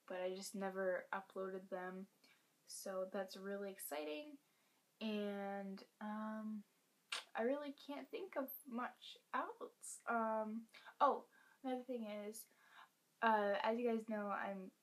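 Hushed teen girl vlogging at home. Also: medium pitch. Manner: hushed half-whisper, rambling with fillers. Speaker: pet vlogger. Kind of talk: casual vlog update.

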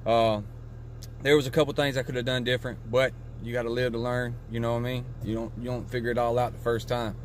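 A man's voice: mid-range voice, level tone, fast, slight background noise. Laid-back man, a bit out of breath. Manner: laid-back, chatty, talks straight to viewers. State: a little out of breath. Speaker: car vlogger. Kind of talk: casual how-to vlog outro.

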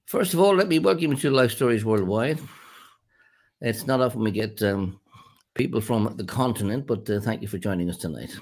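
An older man interviewing a guest over a video call, asking measured, friendly questions with a few fillers. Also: lowish voice. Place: indoor room at home.

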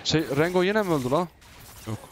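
Excitable man commentating gameplay. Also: a little high, fairly quick, faint music behind. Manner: excitable, shouting and teasing while playing. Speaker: gaming YouTuber.

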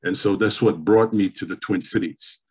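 Low-voiced man speaking on a video call. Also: fairly even intonation, darkish tone, breathy edge. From born in Jamaica, raised in New York. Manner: measured, reflective storytelling. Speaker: panelist, professor and pastor. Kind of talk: online panel discussion. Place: home room. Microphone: webcam on a video call.

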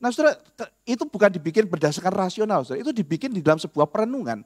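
Man with a high voice, chatty lecturer who keeps checking in with the class. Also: rapid-fire. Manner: animated, conversational, addresses listeners directly. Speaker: apologetics lecturer.

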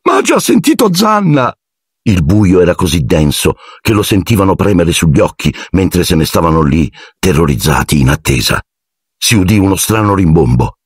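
A man narrating an audiobook in an expressive storytelling manner. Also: low-pitched, normal speed, slightly rough, dry recording, studio quality. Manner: expressive storytelling, shifting into character voices. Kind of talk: scripted narration.

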